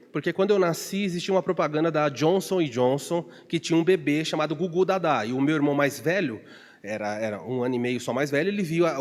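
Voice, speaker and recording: Storytelling pastor with hall reverb. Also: male voice. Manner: storytelling with digressions and humor; acts out shouted calls with big pitch jumps. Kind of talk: Bible study sermon. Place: church.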